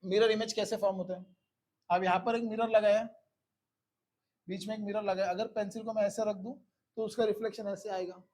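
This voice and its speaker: Man, classroom lecture, high voice, asks and re-asks the students. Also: level tone, fairly quick, long pauses, darkish tone. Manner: repeats questions to the class, coaxing and explanatory. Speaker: teacher.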